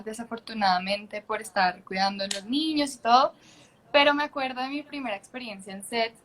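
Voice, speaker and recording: A young guest actress from Colombia, speaking with a Colombian accent, chats frankly and laughs often during a casual video-call interview. Her pitch is fairly high and her tone a bit bright, captured in a rough recording. She restarts her sentences many times.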